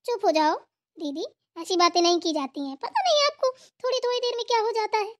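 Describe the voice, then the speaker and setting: A woman's voice: very high voice, brisk, fairly bright tone. A woman voicing a soothing chatty cartoon wife. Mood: complaining. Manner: consoling, rambling complaints. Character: gentle young wife, bhabhi, soothing and chatty. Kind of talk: cartoon voice acting.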